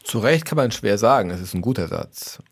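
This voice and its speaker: A man talks about literature as a radio guest, thoughtful and a little hesitant. His voice is very low and gravelly. It has a husky, breathy edge. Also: lively intonation, fairly quick. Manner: thoughtful, searching speech with hesitations. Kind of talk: radio discussion.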